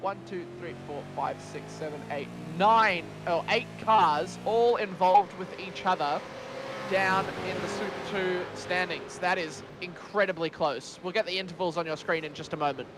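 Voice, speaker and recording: A man's voice: high voice, normal speed. A man giving play-by-play motorsport commentary on an online sim race, as a race commentator does. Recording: constant car engine noise. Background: race cars and engine noise.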